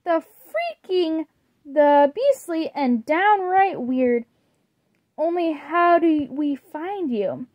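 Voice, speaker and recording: Lady putting on an excited teen vampire girl, way up high, slow and eager, storybook voice. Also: muffled recording. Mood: earnest.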